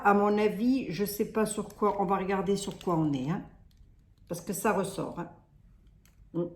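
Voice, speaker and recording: A woman with a Lorraine accent talks through a tarot spread in a casual, wandering way. She often stops and restarts her sentences and tags them with little fillers. Her voice sits at an ordinary middle pitch, and the room around her echoes. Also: a little mellow. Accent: Lorraine French. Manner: rambling, hesitant, full of restarts and "hein". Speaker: tarot reader. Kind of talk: casual card reading monologue.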